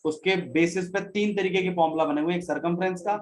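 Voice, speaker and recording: A man's voice: high-pitched, fairly even intonation, quick pace, crowd noise, low-quality recording. A male maths teacher giving a classroom lecture, repeating key phrases and quizzing his students as he goes.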